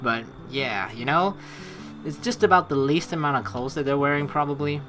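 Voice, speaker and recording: A fairly bright, fairly high-pitched male voice at normal speed belongs to a young let's play streamer from the Netherlands. He reads the game out and chats casually, crude, jokey, and swearing, while video game music plays underneath.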